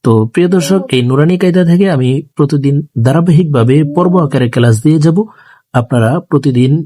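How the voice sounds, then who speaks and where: A man teaching Quran reading in a slow, gentle lesson, saying each letter over and over so viewers can repeat after him. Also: mid-range voice, no echo.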